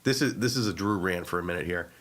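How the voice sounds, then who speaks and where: A man's voice: sits low, quick pace, a bit bright. A man co-hosting a casual sports podcast, ranting in an emphatic, exasperated way. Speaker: podcast co-host.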